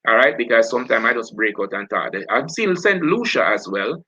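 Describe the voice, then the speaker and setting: A man from Jamaica, speaking with a Jamaican accent, hosts a live online revision session where he talks through past papers while working and self-corrects. His mid-range voice swings widely in pitch, fairly quick, with a sharp tone and a breathy edge.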